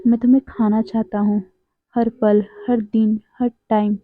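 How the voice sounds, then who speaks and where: A woman voicing a possessive young man who keeps pleading his devotion, in a fairly high voice. The sound is tinny and phone-like, with no room echo at all. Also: little pitch movement, a little slow, close to an everyday voice. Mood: tender. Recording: dry, tinny phone-like audio.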